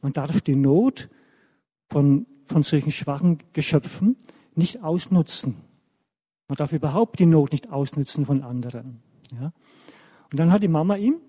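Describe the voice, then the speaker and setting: Man telling children a story, animated. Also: a little high, measured pace, pauses often, slightly rough, in a large hall.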